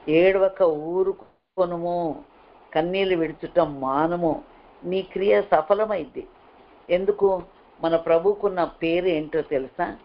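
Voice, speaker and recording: A man's voice: a little high, gravelly, lo-fi sound. A man preaching a sermon, earnest and repetitive as he exhorts his listeners.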